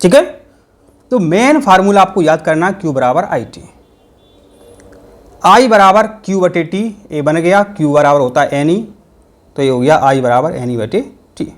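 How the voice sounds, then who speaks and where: A man's voice: a little high, expressive, unhurried, long pauses. A man teaching a physics exam-prep lesson, playful and full of repeated mnemonics. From India.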